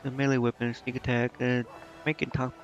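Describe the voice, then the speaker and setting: A fairly quick, level-toned man with a mid-range voice streams a video game over soft background music. He chats casually about his play, thinking aloud and questioning himself while reading menus. The muffled lo-fi mic records obvious background noise.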